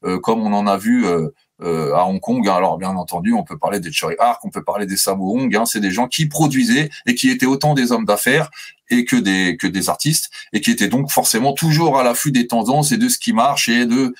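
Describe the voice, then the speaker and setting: A man's voice: lowish voice, fairly quick. A man co-hosting a film podcast, talking hesitantly with many fillers and restarts. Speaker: podcast co-host.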